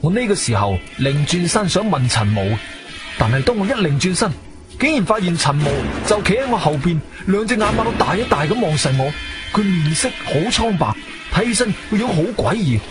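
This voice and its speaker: Narrating his own Cantonese radio drama, a male actor voices an urgent, intense adventurer, agile and trained in martial arts. His high-pitched delivery runs a little fast and stays animated and full of suspense. The studio recording has music underneath.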